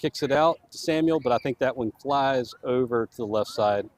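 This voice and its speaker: A man's voice: medium pitch, moderate pace. Easygoing male match commentator. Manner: chatty, easygoing, laughs easily. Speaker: play-by-play commentator for the home club. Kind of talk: casual live match commentary. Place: outdoor soccer field at a live match.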